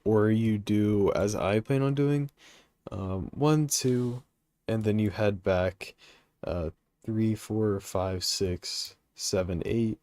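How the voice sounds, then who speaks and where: A young man hosts a gaming livestream in a fairly low, slow, slightly mellow voice with no room sound. Sleepy and yawning, he thinks aloud with lots of ums and uhs, plans routes, and reads out chat questions. It's casual live commentary while he plays.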